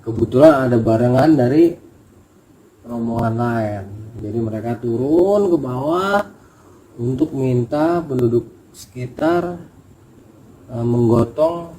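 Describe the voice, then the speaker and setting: Speaking slowly in a dark-toned, medium-pitched voice and pausing often, a man tells the story of a hike. His telling is casual yet emotional and earnest, with noisy background ambience around him.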